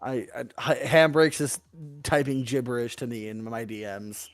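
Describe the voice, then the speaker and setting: A Canadian man bantering from the commentary booth, playful and animated with a self-mocking streak. His voice sits at an ordinary middle pitch. Faint music plays underneath him. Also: moderate pace, no room sound. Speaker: drift commentator.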